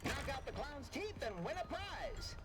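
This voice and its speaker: An actor voicing an excitable, showy carnival prize announcer in a video game, booming out sales patter. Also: a little slow, exaggerated voice. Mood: showy, inviting. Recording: loud game music underneath. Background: loud music.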